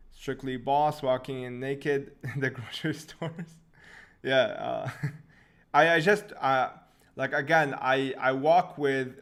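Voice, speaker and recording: A relaxed young man hosts a live chat stream and answers questions off the cuff. His pitch is middling, he laughs a lot, and he repeats words when starting sentences. He is from Syria and was raised in Canada.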